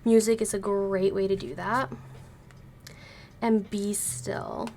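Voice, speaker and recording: A woman talks through a tarot reading at an easy, careful pace, sparing a voice that is slightly hoarse from being sick. Her pitch sits in the middle and her tone stays gentle. A faint hiss of noise runs under her voice. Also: slow. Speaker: tarot reader.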